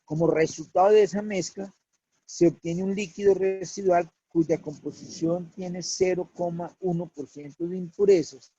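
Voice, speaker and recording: A man teaching a worked problem as a lecture, slow and deliberate, repeating key figures. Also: on the high side, warm tone, husky, no room sound, lo-fi sound.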